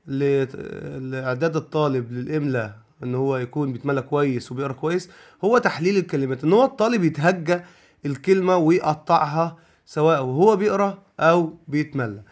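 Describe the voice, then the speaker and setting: A middle-aged man with an Egyptian Arabic accent explaining a spelling lesson to children, repeating and quizzing them with questions. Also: a little high. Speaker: teacher.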